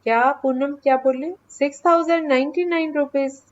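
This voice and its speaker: Middle-aged woman, high voice, math teacher on a dull lo-fi online call, chiding kids by name. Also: normal speed, slight background noise. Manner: lively, coaxing, scolds students by name. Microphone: online class mic. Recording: dull lo-fi online class audio.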